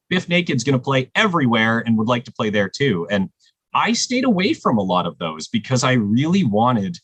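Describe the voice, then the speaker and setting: A man who programs a music festival, chatting on a podcast and telling excited stories with animated quoted dialogue. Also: mid-range voice, slightly rough, no echo. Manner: excited storyteller, lively acted-out quotes. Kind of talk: casual podcast conversation.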